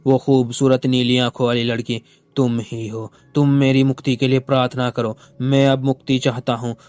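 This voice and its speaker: A man's voice: medium pitch, little pitch movement, moderate pace, a little mellow, smooth, no echo, close to an everyday voice. A man voicing a remorseful male ghost, centuries old, tearfully confessing his murders in a storybook tale.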